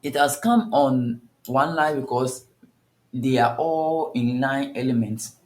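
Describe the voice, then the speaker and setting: A man's voice: medium pitch, slow. A man teaching a coding tutorial step by step, thinking aloud and often restarting his sentences. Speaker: coding instructor. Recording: echoey room.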